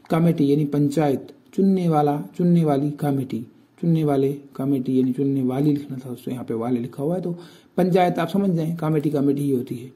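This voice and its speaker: Pakistani-accented man, very dark tutoring voice. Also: a little high. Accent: Pakistani Urdu. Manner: explains slowly, repeating words and spelling them out. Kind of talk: casual spoken lesson.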